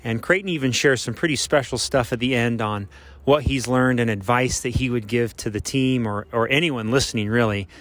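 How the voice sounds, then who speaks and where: Brisk, upbeat male podcast host. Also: medium pitch, fairly bright tone. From Utah. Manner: brisk, upbeat delivery with frequent fillers. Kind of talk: podcast introduction and announcements.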